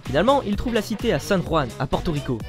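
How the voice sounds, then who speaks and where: French guy doing a comedy recap, high lively voice, music under it. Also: fast. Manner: jokey, slangy, animated. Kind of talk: fast comic recap narration.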